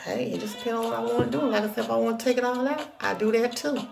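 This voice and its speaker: A woman with a deep Southern US accent chatting casually to her viewers in a folksy, sassy, self-assured country way. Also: racing, gravelly, music in the background. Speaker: hair tutorial vlogger.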